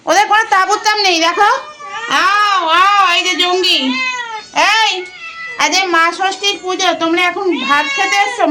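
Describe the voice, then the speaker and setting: A woman's voice: very high-pitched, noisy background. A woman narrating her pet video and talking to the animals with playful commentary. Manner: playful running commentary, scolding pets. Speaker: pet vlogger.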